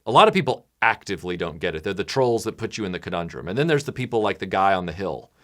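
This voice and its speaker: A man talking straight to his patrons in a loose, unscripted monologue. His pitch swings widely as he speaks, and he drops into loud, high put-on voices when he mocks other people. His tone is blunt and opinionated. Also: big pitch swings, fast talker. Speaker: channel creator addressing patrons. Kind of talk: casual monologue to supporters.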